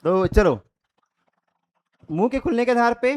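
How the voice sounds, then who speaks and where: Extremely high yet darkish in tone, this young man's voice is expressive and measured as he leads an online Hindi grammar session. He sounds out vowels and explains each stage, pausing for repeated checks.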